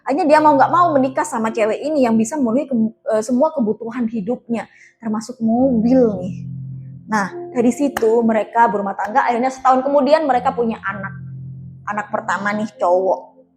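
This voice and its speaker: A woman tells a story in a loose, chatty way, talking straight to her listeners and scattering fillers through it. Her voice sits a touch high. Soft music plays faintly in the background. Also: fairly quick. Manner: chatty, addresses listeners directly, many fillers. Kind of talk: casual spoken storytelling.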